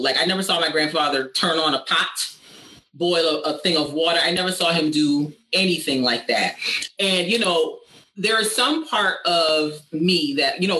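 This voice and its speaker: A woman from Barbados, a podcast guest, talking in a relaxed, thoughtful way with many fillers. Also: sits low. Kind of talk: casual reflective chat. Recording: echoey room, faint background noise.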